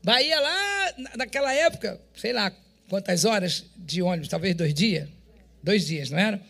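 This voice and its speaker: Uma pastora brasileira com sotaque brasileiro, dando um testemunho em tom dramático e animado, encenando os diálogos e rindo com frequência. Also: female voice, medium pitch, normal speed. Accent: Brazilian Portuguese. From Brazil. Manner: animated, dramatic storytelling that acts out dialogue and often breaks into laughter. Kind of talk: testimony preached to a congregation.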